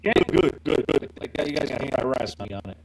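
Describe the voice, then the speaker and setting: A man's voice: mid-range voice, expressive, moderate pace, gravelly. A man co-hosting a podcast in casual chat, his mic audio clipping and breaking up, with short repeated exclamations. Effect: clipping, breaking-up distorted mic audio. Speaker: podcast co-host. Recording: distant, noisy, clipping mic with clicks.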